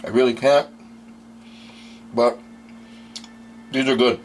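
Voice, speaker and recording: A man's voice: medium pitch, steady tone, slow pace, a little hiss or hum. A man giving a casual, unscripted food review in blunt, crude, rambling, drunken-sounding talk, swearing constantly.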